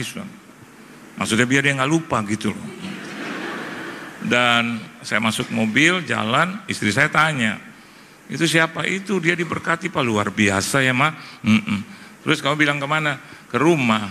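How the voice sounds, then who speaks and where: A man's voice: medium pitch, pushed and bright, big-room sound, slight background noise. A middle-aged man, preaching a testimony as a pastor, acting out both sides of the dialogue. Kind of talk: sermon testimony.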